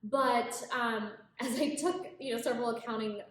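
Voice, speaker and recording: A woman's voice: fairly high pitch, moderate pace. A woman in her late twenties, originally from Ethiopia, speaking as a guest in a casual interview, upbeat and earnest, with frequent restarts. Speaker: guest, HR professional. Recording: very echoey room, faint ambient noise.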